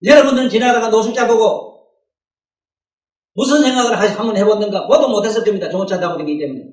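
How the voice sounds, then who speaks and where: A man's voice: high voice, quick pace, darkish tone. A man with a Gyeongsang accent giving a Buddhist sermon in a folksy, rhetorical way, often prodding listeners with "eh?" questions. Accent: Gyeongsang Korean. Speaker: Buddhist dharma teacher. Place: dharma hall. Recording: echoey room, distant mic.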